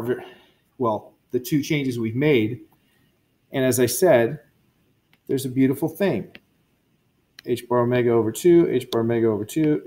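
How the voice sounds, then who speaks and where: Speaking at medium pitch with a slightly mellow tone, a man teaches a recorded university physics lecture. He talks his way through equations step by step, corrects himself, and drops casual remarks to his students.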